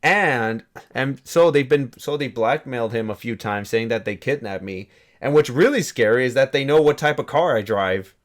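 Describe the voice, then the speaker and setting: A man's voice: mid-range voice, expressive, normal speed. A man chatting casually on a podcast, rambling, with lots of "like" and swearing. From Mexico. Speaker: podcast co-host. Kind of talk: casual chat.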